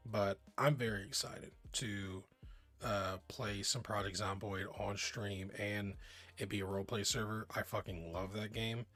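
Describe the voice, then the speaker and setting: A man's voice: on the low side, steady tone, a little slow, fairly bright tone, faint music behind. A man streaming a tabletop game, chatting casually and rambling through the week's plans, with some swearing.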